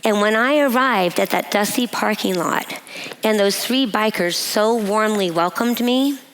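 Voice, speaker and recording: A woman giving a personal testimony at a women's breakfast, telling a story in a measured way and laughing often. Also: mid-range voice, rough recording. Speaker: guest speaker. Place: event hall.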